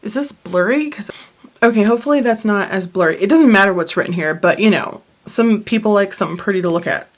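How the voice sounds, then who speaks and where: Speaking quickly at a medium pitch, this planner vlogger chats casually from home while tired and out of breath. She rambles, drifts off topic easily, and keeps apologizing for it.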